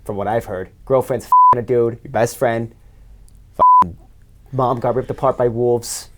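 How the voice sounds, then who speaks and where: A man's voice: mid-range voice, wildly swooping pitch, measured pace, very noisy. A man hosting a podcast, talking casually and questioning in an incredulous way. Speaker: podcast host. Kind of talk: casual interview chat, profane.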